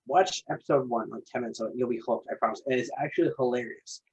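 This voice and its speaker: A man's voice: mid-range voice, fast talker, husky. A man co-hosting a podcast in casual chat, rambling eagerly and restarting his sentences often. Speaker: podcast co-host. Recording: dull lo-fi recording.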